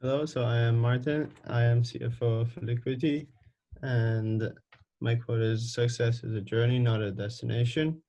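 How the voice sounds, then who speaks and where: Flat-voiced young man presenting. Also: mid-range voice, normal speed. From Hungary. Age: young adult. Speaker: student presenter. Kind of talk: class self-introduction. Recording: dull lo-fi recording.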